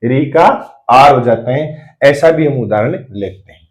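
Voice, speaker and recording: A man's voice: mid-range voice, lively intonation, a little slow, low-quality recording. Man teaching with self-answered questions. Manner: repeats questions and answers them himself; writes while explaining. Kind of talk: spelling lesson at a board.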